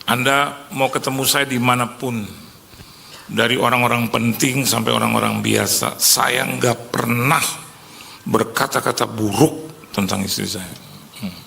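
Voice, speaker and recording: A man's voice: mid-range voice, steady tone, measured pace, vocal fry, bright, forceful tone, big-room sound, a little hiss or hum. A man in his sixties, a pastor preaching a sermon as a joking storyteller who acts out dialogue. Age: 60s.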